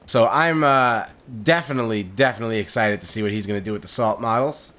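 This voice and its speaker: A chatty, upbeat gaming channel host gives casual solo gameplay commentary in a loud, lowish voice, talking fast. He uses lots of fillers and repeated words, and he's recorded on a condenser mic on a boom stand.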